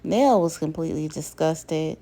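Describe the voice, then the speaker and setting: A woman's voice: deep voice, a little slow, gravelly, dark tone. A woman giving a casual, chatty commentary recap, full of fillers and quoted lines. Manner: chatty, many fillers, mimics cast members' quotes. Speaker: reality TV commentator.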